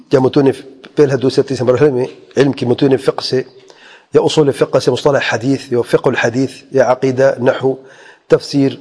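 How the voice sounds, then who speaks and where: A man's voice: medium pitch, darkish tone, breathy edge. A man giving an earnest religious lecture as a preacher, posing rhetorical questions and quoting Arabic phrases. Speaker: Islamic preacher. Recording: long hall reverb.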